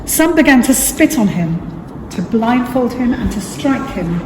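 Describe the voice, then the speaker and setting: A woman's voice: a little high, big pitch swings, unhurried. Woman narrating scripture in echoing hall. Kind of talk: scripture narration in a dramatic reading. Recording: echoey reverberant hall, clear background noise.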